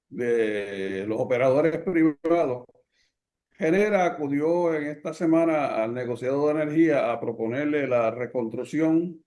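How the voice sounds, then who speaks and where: A man with a Puerto Rican Caribbean Spanish accent delivers political commentary as a program host, in deliberate, emphatic phrases. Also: medium pitch, mellow. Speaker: host of a current affairs program.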